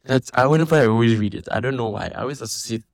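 A man giving an animated, indignant monologue, restarting his sentences often. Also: mid-range voice, racing, no room sound, studio quality. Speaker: church member commenting on a dispute. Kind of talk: casual monologue vlog.

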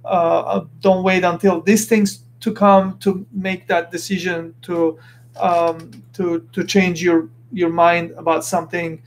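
This Lebanese podcast host has a high voice and a level tone, and he takes his time. Talking earnestly in a casual motivational monologue, he keeps restarting as he hunts for words, with slight background noise.

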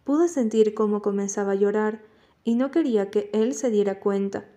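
Mellow-voiced woman reading an audiobook. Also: medium pitch, normal speed. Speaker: audiobook narrator. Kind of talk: scripted first-person narration.

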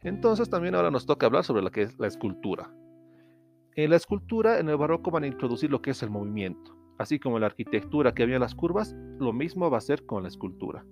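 Male host from Latin America, mid-pitched, steady explanatory lecture delivery, faint guitar bed underneath. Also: quick pace, lo-fi sound. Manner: steady explanatory tone, occasional restarts. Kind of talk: educational lecture.

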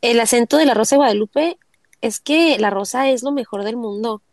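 A chatty woman co-hosts a casual show. Her voice sits a little high and sounds close and dry, and she laughs easily. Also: moderate pace, darkish tone, no echo. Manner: laughs often, playful and chatty. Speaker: co-host. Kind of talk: casual chat.

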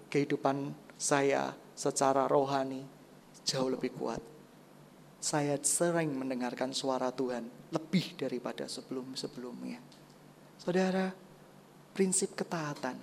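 A preacher from Kediri in East Java gives a sermon, swinging between loud, excited exclamations and soft, low passages and often calling the congregation brothers and sisters. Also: vocal fry, slight background noise. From Kediri, East Java, Indonesia.

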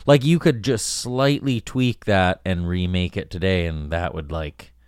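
A man co-hosting a casual film podcast, chatty and quick to laugh, often asking clarifying questions. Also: sits low, smooth, dry recording, clean studio sound. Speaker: podcast co-host.

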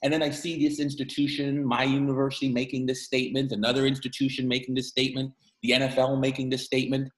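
A man's voice: mid-range voice, monotone, quick pace, few pauses. A middle-aged man from Guyana, a guest speaking candidly and emphatically over a video call, his voice climbing sharply when he gets angry. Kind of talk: candid interview conversation. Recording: echoey room over a call.

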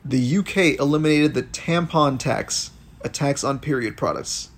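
A man's voice: medium pitch, expressive, normal speed. A man co-hosting an informal chat, reading out items and commenting in slangy, loose language. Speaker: podcast co-host.

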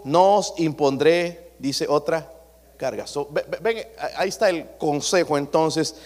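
A male pastor preaching a sermon to his congregation, swinging between loud emphatic passages and quiet asides. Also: on the high side. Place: church sanctuary. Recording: long hall reverb.

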